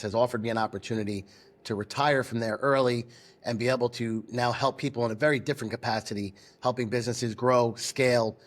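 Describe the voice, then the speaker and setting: Chatty New man, mid pitch. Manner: chatty, jokey, with fillers. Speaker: marketing agency founder, retired police officer. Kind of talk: podcast interview.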